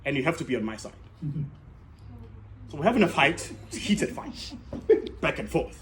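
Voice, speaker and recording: A man doing stand-up comedy at a convention stage, teasing the audience in an animated, jokey way. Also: on the high side, normal speed. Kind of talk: stand-up comedy with crowd work. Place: convention stage with a laughing crowd. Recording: crowd noise, roomy hall.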